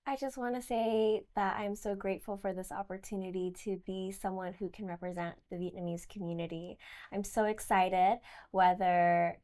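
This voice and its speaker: A woman's voice: mid-range voice, fairly even intonation, moderate pace, a little mellow. A young woman giving earnest, grateful answers in an interview as a pageant candidate. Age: young adult.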